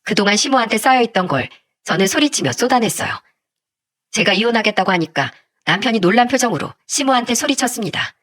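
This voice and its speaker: A woman telling a first-person story in a steady, plain-spoken narration. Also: a little high, quick pace.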